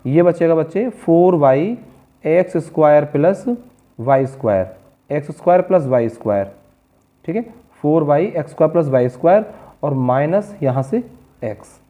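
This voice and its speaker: A man's voice: on the high side, expressive, normal speed, warm tone. A male maths teacher working through a board-exam problem, patiently coaxing his students and checking they follow. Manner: patient, coaxing, calls students "beta" and "bachche". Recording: tinny phone-like lo-fi audio.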